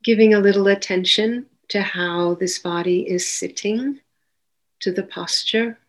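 A meditation teacher with a mid-range voice leads a guided meditation. She gives gentle, unhurried instructions, leaving long pauses between phrases.

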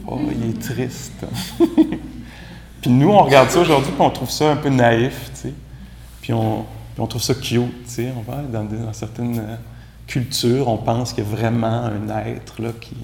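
A man with a Québécois French accent giving a relaxed, conversational Buddhist dharma talk as a meditation teacher, with gentle self-mocking humor. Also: mid-range voice, vocal fry, a little hiss or hum. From Quebec. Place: room with a live group. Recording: echoey room recording.

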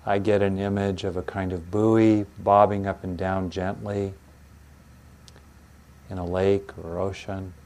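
A man with a fairly low voice leads a guided meditation. He speaks in a soothing, gentle way, like a yoga teacher, leaving unhurried pauses between short phrases of instruction. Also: little pitch movement.

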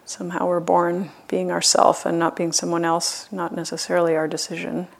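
A meditation teacher leads a guided loving-kindness meditation in a fairly low, noticeably creaky, monotone voice. She speaks gently and without hurry, leaving long pauses between short phrases.

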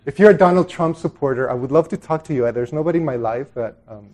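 His voice leans high with a darkish tone and quick pace, and a faint hiss or hum sits in the audio. He's a middle-aged Buddhist meditation teacher from El Salvador, giving a group a casual, reflective dharma talk full of trailing asides.

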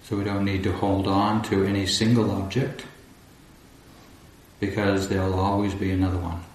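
A man's low-sitting voice offers calm, deliberate meditation guidance, one short phrase at a time with long gaps. As the teacher, he speaks in an echoey indoor room at a retreat. The audio has a roomy echo and a faint hum of background noise.

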